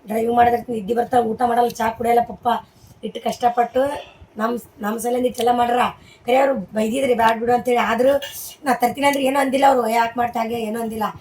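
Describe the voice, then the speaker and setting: A woman's voice: fairly high pitch, level tone, quick pace, a little mellow, a little hiss or hum. A mother, hosting a family vlog at home, coaxing and comforting and talking to viewers as friends. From Maharashtra border region.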